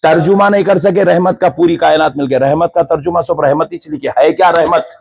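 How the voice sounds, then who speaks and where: A man's voice: fairly high pitch, steady tone, a little fast, creaky, slightly rough, dry recording. A man preaching a sermon to a gathering, listing things in rhythmic repetition and building to impassioned cries. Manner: rising into impassioned shouted crying-out. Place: large gathering with live crowd.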